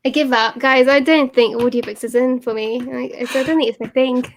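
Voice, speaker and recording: A woman's voice: sits high, fairly quick, a little hiss or hum. A British woman, a photographer, chatting playfully and laughing often on a live stream. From Britain. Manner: playful, giggly, animated. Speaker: fine art photographer, co-host of live chat. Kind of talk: casual live-stream chat.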